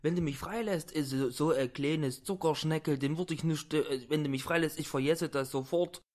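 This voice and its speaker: Brief: a man playing a whiny, panicky bar thug, pitch jumping high when scared. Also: normal speed, a little mellow, natural voice. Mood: pleading. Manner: whiny, panicky, crude street slang. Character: frightened thuggish male barkeeper, half-blind.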